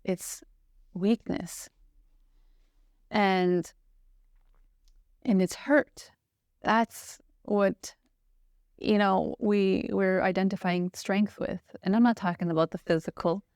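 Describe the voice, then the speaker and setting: Smooth-voiced woman telling her story. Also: mid-range voice, fairly even intonation, slow pace, pauses often, a little mellow, no room sound, studio quality. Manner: earnest, searching, heavy use of "like" and "you know". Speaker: podcast guest. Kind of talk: personal storytelling in conversation.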